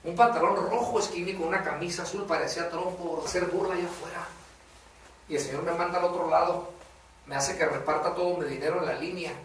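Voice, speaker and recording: Man preaching, casual, high voice, very echoey room, mic far off. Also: fairly even intonation, fast talker, slight background noise. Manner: casual preaching, keeps saying "brother" and asking "right?". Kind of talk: sermon.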